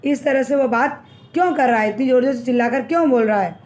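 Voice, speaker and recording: A woman's voice: high-pitched, fairly quick, a little mellow. A woman teacher retelling a textbook story as a lesson, repeating phrases and explaining the meanings of words.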